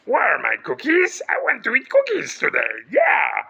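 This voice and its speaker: A woman doing a high, excited impression of the cookie-loving Cookie Monster. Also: moderate pace, gravelly, breathy edge, heavily acted. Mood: greedy, excited. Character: cookie-craving Cookie Monster, furry blue male monster. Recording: dull lo-fi audio.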